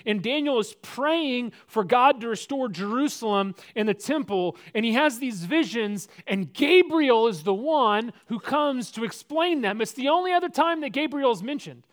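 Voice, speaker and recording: A man's voice: sits high, a bit bright. A man preaching a sermon in a conversational way, posing rhetorical questions and often restarting his words. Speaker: pastor.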